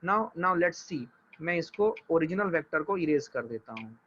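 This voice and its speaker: A man teaching physics in a live class, mixing Hindi and English, patient and reassuring, walking through each step slowly and often checking that students follow. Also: a little high, animated, fairly bright tone, slight background noise. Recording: dull lo-fi audio.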